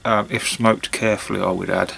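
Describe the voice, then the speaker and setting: A man chatting casually on his own in a hesitant, musing way, with long pauses and trailing phrases. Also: on the low side, level tone, gravelly, a bit bright, slight background noise. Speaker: pipe-smoking vlogger. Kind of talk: casual monologue to camera.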